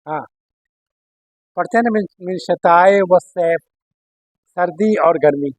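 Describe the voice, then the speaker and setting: A man's voice: high-pitched, slow, dry recording, low-quality recording. A man teaching Arabic grammar, explaining step by step and often checking that his students follow. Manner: explains step by step, checks understanding with "theek hai na". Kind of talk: classroom lesson explaining Arabic in Urdu.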